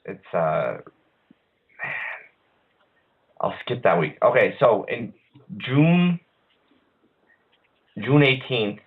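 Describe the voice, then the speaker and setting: A man's voice: on the low side, animated. A man hosting an online radio show, talking casually with lots of hesitations and restarts. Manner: halting, many uhs and restarts. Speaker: podcast host. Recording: phone-line quality audio.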